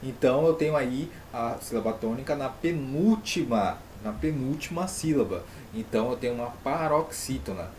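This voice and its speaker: A man's voice: mid-range voice, lively intonation, normal speed, few pauses, a little mellow, slight background noise. Brazilian man teaching a grammar class. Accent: Brazilian Portuguese. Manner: explanatory, asks pupils rhetorical questions. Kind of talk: online class lesson.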